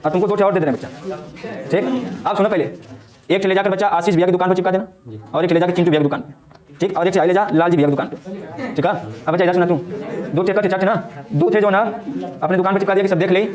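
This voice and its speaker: A male teacher, quizzing pupils and hushing a noisy classroom. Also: high voice, steady tone, fast talker, pauses often, crowd noise. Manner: quizzing pupils with call-and-response questions. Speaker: coaching teacher. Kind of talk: classroom lecture. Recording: echoey classroom with chattering kids.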